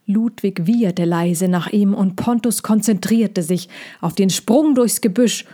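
Woman reading a storybook calmly. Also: mid-range voice, measured pace. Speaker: narrator.

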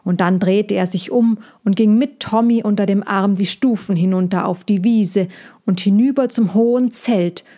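A woman reading a children's storybook aloud in a calm, measured way. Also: medium pitch. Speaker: narrator.

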